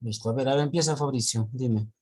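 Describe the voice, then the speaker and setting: A man teaching an online class, correcting reading errors one by one with a husky voice. His pitch sits in a middle range. The sound comes over a video call. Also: fast, darkish tone. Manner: corrects students' reading point by point.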